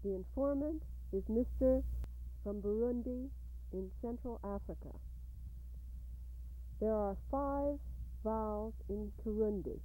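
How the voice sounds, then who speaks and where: A woman reading a scripted linguistics lesson in a measured, deliberate way, heard on an old tape recording. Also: a little high, dark tone, rough recording. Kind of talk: scripted educational narration.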